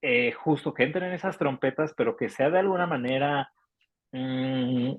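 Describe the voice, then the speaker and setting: Mexican man, casual music panelist, mid-pitched, rambling delivery, dry mic. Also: moderate pace, no room sound, muffled recording. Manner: rambling, many fillers. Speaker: music reviewer.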